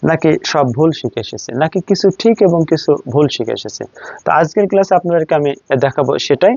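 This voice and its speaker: A man with a Bangladeshi accent teaching English letter pronunciation, repeating each letter slowly in a classroom style. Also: on the high side, expressive, creaky, darkish tone, dry recording. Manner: slow, drilling letters one by one. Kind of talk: classroom lesson. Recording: dull, dry sound.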